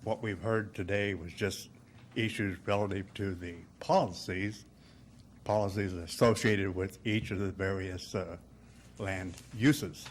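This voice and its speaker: Older male planning official: breathless, halting, low-pitched, formal, slight room noise. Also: fairly even intonation. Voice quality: short of breath. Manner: halting, pausing often mid-sentence. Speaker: planning official advising commissioners. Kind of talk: formal explanation at a public meeting.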